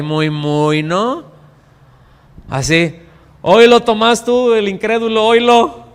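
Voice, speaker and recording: Mexican pastor preaching in a reverberant hall. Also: male voice, on the high side. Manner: lively, acts out quoted voices, asks the congregation questions. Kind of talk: sermon. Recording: long church reverb.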